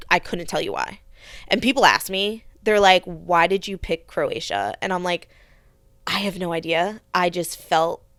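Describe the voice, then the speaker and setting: Bright, clear-voiced young woman podcasting. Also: mid-range voice, no room sound, clean studio sound. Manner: earnest, reflective, with frequent restarts. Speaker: podcast host. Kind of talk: personal storytelling podcast.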